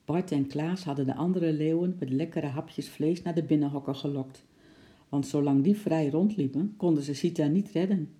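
A woman narrating a children's storybook with expressive, dramatic delivery. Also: deep voice, moderate pace. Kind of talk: children's storybook read-aloud.

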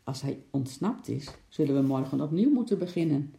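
A man voicing a gruff, excitable uncle in a children's story. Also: on the high side, moderate pace. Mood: grumbling. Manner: grumbling, then excited. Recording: roomy echo.

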